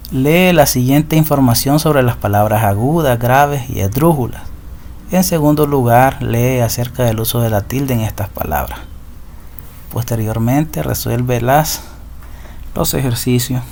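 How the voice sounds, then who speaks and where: A man with a medium-pitched, darkish voice and a Central American Spanish accent gives a recorded lesson over slight background noise. Patiently, he explains and repeats rules, frequently checking in with students by asking ¿verdad?.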